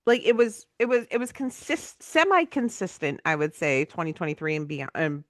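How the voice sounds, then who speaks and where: A woman's voice: on the low side, normal speed, no room sound. Playful woman co-host, dry sound. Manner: playful, joking, slangy. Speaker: podcast co-host. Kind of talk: casual podcast chat.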